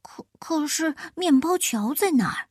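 A woman voicing a big hungry bear in a storybook read-aloud, with a drawn-out, moaning delivery. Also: sits high, lively intonation, no room sound, studio quality.

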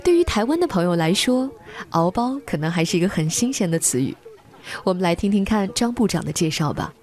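A woman's voice: fairly low pitch, big pitch swings, a little fast, a little mellow, slight background noise. A woman reading scripted nature documentary narration about places and customs. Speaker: narrator of a travel programme. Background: music behind the voice.

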